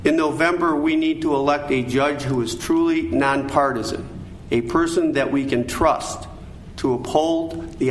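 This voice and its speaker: An older American man speaking in a measured, earnest and formal way, as a candidate at a forum. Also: medium pitch. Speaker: judicial candidate, attorney. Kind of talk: formal prepared statements and answers at a candidate forum. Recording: echoey room, background noise.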